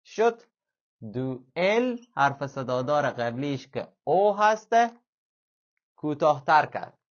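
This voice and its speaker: Patient male teacher. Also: fairly high pitch. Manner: patient, repeats example words slowly several times. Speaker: German language teacher. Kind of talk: classroom-style language lesson. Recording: slightly dull lo-fi sound.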